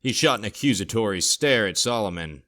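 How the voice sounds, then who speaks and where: A man reads a sci-fi horror tale in a steady, measured way. His voice sits on the low side. The delivery is plain scripted narration.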